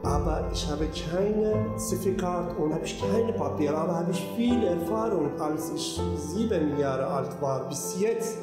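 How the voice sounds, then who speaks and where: Slow man in echoey hall. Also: a little high. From Iran. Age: 30s. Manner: slow, halting, simple German. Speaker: interviewee, factory worker. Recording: echoey factory hall, music under.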